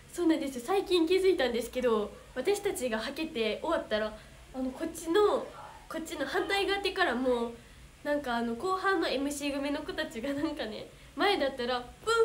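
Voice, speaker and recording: A young adult idol livestreamer with a Kansai Japanese accent reads fan comments in a high, sweet voice, chatting casually with viewers. Bubbly and giggly, she often bursts into flustered exclamations. Her voice is close-miked with a faint hiss behind it.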